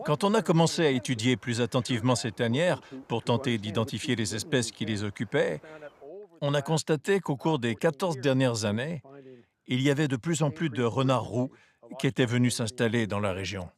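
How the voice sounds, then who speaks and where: A man speaking as a wildlife researcher, giving measured, articulate explanations for a documentary. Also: medium pitch.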